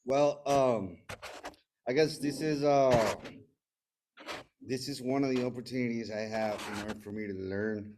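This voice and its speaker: A Salvadoran man in his 40s, a native Spanish speaker with a Salvadoran accent, tells his personal recovery story at a meeting. His mid-range voice stays steady and measured, but he pauses often and sounds nervous and hesitant, with many fillers and restarts, against a noisy background.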